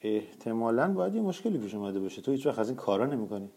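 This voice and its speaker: A man's voice: medium pitch, sing-song, mellow, husky. A man reading as a curt, impatient wife. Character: impatient, suspicious wife on the phone.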